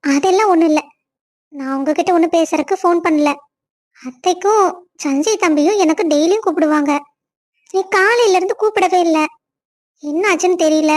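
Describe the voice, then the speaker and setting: A woman's voice: extremely high pitch, moderate pace, pauses often, a little mellow. A woman voicing the women of a family cartoon story, one after another.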